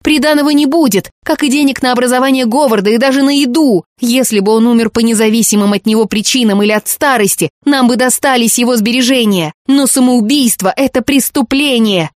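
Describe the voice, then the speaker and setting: A woman's voice: a little high, no echo, clean studio sound, close to an everyday voice. A woman voicing a desperate widowed mother with a cracked, harsh voice in an audiobook. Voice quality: cracked, harsh when shouting. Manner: bitter, pleading, then fierce. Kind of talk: audiobook character reading.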